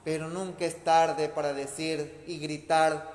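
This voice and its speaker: A man's voice: a little high, level tone, a little slow, a little mellow. Male priest, emphatic homily, long church reverb. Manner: emphatic, repeats key phrases. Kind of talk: homily at mass.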